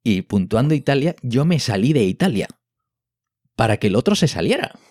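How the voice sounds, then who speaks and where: This Spanish-accented co-host from Spain is very animated as he eagerly explains things in a casual board game podcast conversation, checking in with listeners through frequent tag questions. He speaks at a normal speed in a mid-range, darkish voice, captured in a dry, clean studio recording.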